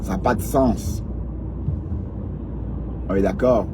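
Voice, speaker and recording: Slow and fairly low-pitched, a man casually addresses live-stream viewers with jokes and teasing, repeating himself and tagging on brief asides. Loud street noise and passing cars fill the outdoor recording.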